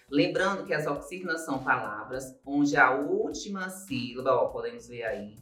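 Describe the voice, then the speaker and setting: A Portuguese teacher with a Brazilian Portuguese accent records a grammar lesson, explaining slowly and step by step, repeating key points and drawing out the words he stresses. His voice is mid-range and a bit bright. There's a roomy echo with faint music in the background.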